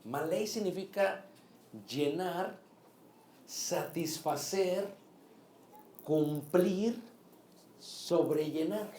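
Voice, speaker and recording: A man preaching a sermon, lively and asking the congregation questions. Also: a little high, drawn-out words, pauses often, roomy sound, a little hiss or hum. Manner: animated, asks the congregation questions.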